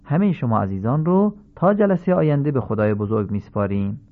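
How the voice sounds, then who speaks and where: A man teaching Quran recitation in a radio lesson, explaining patiently and chanting drill syllables slowly. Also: mid-range voice, animated. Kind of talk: radio lesson on Arabic pronunciation. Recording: tinny phone-like broadcast sound.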